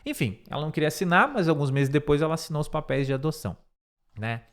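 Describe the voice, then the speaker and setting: Going line by line through a speech, a middle-aged English teacher slowly repeats words to show how they're pronounced, thinking aloud and correcting himself along the way. His voice is a little high, with lively intonation.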